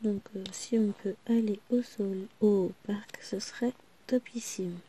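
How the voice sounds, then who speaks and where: A woman's voice: medium pitch, fairly even intonation, measured pace, warm tone, a little hiss or hum. A woman vlogger chatting casually to her viewers in a rambling way, her voice still breaking now and then after she lost it. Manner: rambling, chatty, many small asides.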